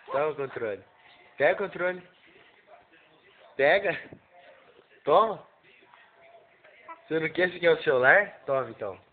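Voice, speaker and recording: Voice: medium pitch, lively intonation, moderate pace, long pauses. An older sibling in a casual home video, coaxing and teasing a little sister with playful questions. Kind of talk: casual home video, talking to a small child. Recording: tinny phone-like home video with background chatter.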